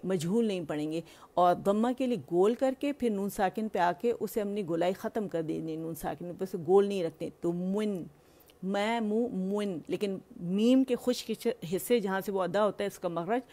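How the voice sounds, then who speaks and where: A woman's voice: mid-range voice, warm tone. A woman teaching Quran recitation. She patiently explains and demonstrates each sound, drilling syllables one by one. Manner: slow, patient, demonstrates sounds and has listeners repeat. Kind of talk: tajweed lesson with drilled syllables.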